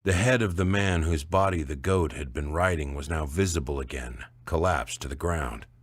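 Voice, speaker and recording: A man narrating an audiobook in a dry, measured storytelling voice. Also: extremely low pitch, no echo.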